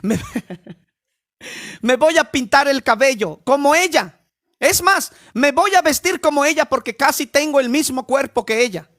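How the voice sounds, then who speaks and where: A man's voice: very high voice, lively intonation, measured pace, fairly bright tone, exaggerated voice. A male preacher voicing an eager, self-satisfied teenage girl who wants to copy a pop star.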